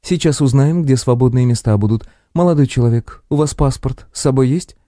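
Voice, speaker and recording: A man's voice: mid-range voice, a little fast, mellow, dry recording, clean studio sound, voice pushed up, lightly acted. A man voicing an elderly, bossy female paramedic who speaks curtly in a lecturing, teacherly tone. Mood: stern.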